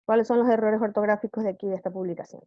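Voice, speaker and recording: A woman's voice: mid-range voice, steady tone, racing, no echo, muffled recording. A woman teacher giving a live online class, patiently quizzing her students with questions.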